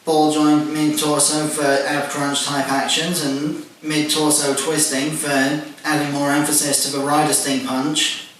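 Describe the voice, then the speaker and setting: A man gives a methodical toy review walkthrough, listing parts and features one by one and adding "and whatnot." His voice is a little high and bright, a little slow, with little pitch movement. The mic is distant, the room very echoey, and there's faint noise.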